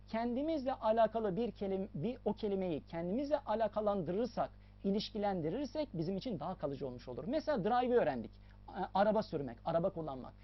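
A woman's voice: mid-range voice, muffled recording. A woman teaching a lesson, explaining step by step and repeating key points for emphasis. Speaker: English teacher.

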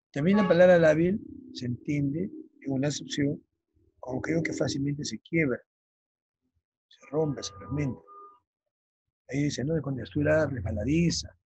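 Male teacher, very raspy voice, gravelly, vocabulary lesson, checks in with students, dictates slowly. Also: on the high side, a little mellow, no echo, rough recording. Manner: checks understanding with frequent "ya?"; slow, emphatic dictation of key terms. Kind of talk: vocabulary lesson for exam prep.

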